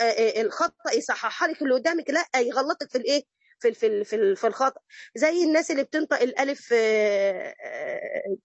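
A woman with an Egyptian accent giving a religious lesson to women, lively and mixing classical phrases with colloquial chat. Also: sits high, dry recording, highs cut off. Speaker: religious teacher.

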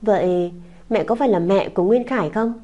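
A woman's voice: mid-range voice, brisk, warm tone, lo-fi sound, close to an everyday voice. A woman voicing a small tearful boy who clings and pleads, in a sobbing, whiny child's voice. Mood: tearful pleading. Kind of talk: audiobook character voice.

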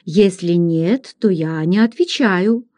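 A woman reading aloud, voicing a gruff, blunt frontier hunter who talks in a low, plain manner. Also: takes it slowly, a little mellow.

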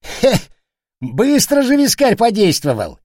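A man voicing a shrill, hot-headed male red cap goblin who squeals excitably, for an audiobook. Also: normal speed, no room sound, studio quality. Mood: shrill mocking.

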